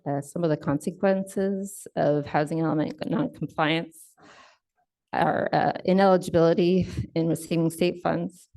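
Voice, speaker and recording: A woman on state housing enforcement staff, giving a conference presentation from slides and explaining in a measured way, with fillers and self-corrections. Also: sits low, fairly even intonation, dark tone.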